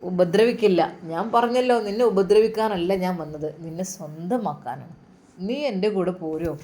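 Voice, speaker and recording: A woman's voice: fairly low pitch, normal speed, warm tone, voice pushed down, lightly acted. A woman voicing a drunken, lecherous male boss who leers and coaxes with slurred speech. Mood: leering. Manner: slurred, leering, coaxing.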